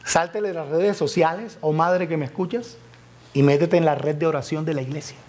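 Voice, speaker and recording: A man preaching a fervent sermon in a church, swinging from loud exclamations to soft, near-whispered appeals. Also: fairly high pitch, fairly quick. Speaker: evangelist preacher.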